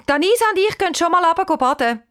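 A woman's voice: animated, quick pace, fairly bright tone. Cheyenne, a woman doing a stammering young girl. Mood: scheming. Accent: Swiss German. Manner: high, stammering and breathless. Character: excitable young girl, quick and bold.

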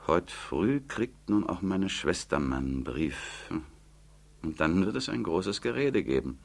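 A man reading the quiet, musing thoughts of a young man. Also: low voice, sing-song, takes it slowly, vocal fry, heavily acted. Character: reflective young man, a former student.

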